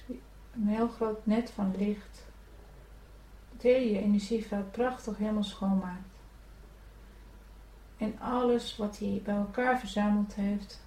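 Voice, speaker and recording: Slow, soothing woman guiding a meditation. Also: mid-range voice. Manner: slow, soothing, gentle instructions. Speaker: meditation guide. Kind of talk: guided spiritual meditation. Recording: echoey room, from a distance.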